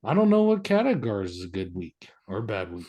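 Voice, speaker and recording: A man's voice: lowish voice, huge pitch swings, quick pace, mellow. A young man co-hosting a casual podcast chat with his brothers, playful and jokey. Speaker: podcast co-host.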